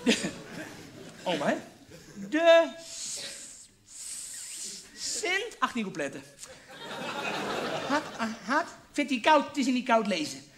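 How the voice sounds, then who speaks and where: A man does live stand-up in a very high, excitable voice, rambling and crude as he tells his story. He performs on a theatre stage. Clear audience laughter is heard around him. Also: slow pace, pauses often, background noise. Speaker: stand-up comedian.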